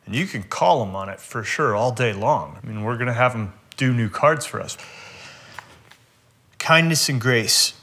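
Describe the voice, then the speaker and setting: Candid business owner, a man, earnest and reflective, mid-pitched voice, sharing a personal story with his team. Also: a bit bright. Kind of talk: heartfelt personal storytelling talk.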